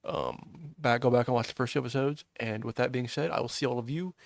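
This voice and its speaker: A man's voice: mid-range voice, a little fast, vocal fry, no echo, clean studio sound. A man casually commentating a video game, making sarcastic jokes and swearing at the characters. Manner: wisecracking, swears a lot, mocks the game characters. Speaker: gaming YouTuber. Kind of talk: casual let's play commentary. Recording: voice over game audio and music.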